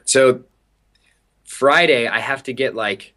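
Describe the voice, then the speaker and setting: A young man from Southern California, a guest telling an animated story in an interview, talking in a chatty way full of filler words. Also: mid-range voice, slow pace.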